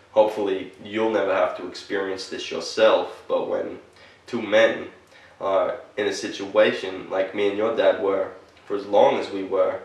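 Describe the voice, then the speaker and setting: In a dramatic film monologue, a man plays a solemn military veteran, telling a little boy an earnest story with deliberate, halting phrasing. His voice sits low and sounds solemn yet friendly, recorded from a distance in an echoey room.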